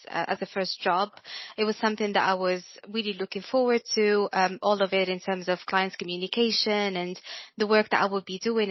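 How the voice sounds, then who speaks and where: A woman's voice: medium pitch, no echo. Hesitant Moroccan-raised woman guest, dry lo-fi sound. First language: not English; works in French and Arabic. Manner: hesitant, many fillers and restarts. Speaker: guest, financial consultant. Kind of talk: casual interview chat.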